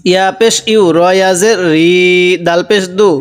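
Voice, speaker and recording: A man's voice: high voice, fairly even intonation, normal speed, clear, resonant tone, soft background music. A man teaching Quran reading, spelling out Arabic letters one by one and then chanting the words drawn out. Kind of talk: slow spelling-out recitation lesson. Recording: long hall reverb.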